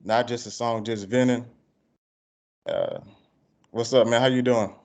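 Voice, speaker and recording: A man from Georgia in the United States interviews casually in a country Southern accent and heavy slang. His medium-pitched voice is creaky and measured, heard over dull, lo-fi call audio.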